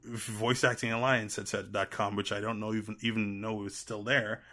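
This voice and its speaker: Podcast guest: a man with a bright, forceful Trinidadian accent tinged with American sounds, an animated storyteller. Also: fairly low pitch. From Trinidad and Tobago. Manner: animated storyteller, quick to laugh. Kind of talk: casual podcast chat.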